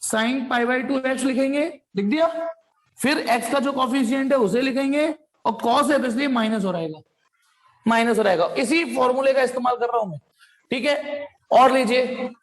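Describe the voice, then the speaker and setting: A man's voice: very high voice, normal speed, rough recording. A man teaching physics in a live online class, quizzing his students, calling them child and adding playful sound effects.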